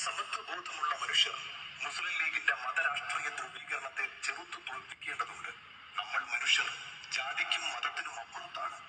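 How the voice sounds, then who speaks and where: A man reading a recorded political campaign announcement in a declamatory, slogan-like way, played back through a campaign vehicle's loudspeaker. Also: fairly high pitch, normal speed, pauses often, breathy edge.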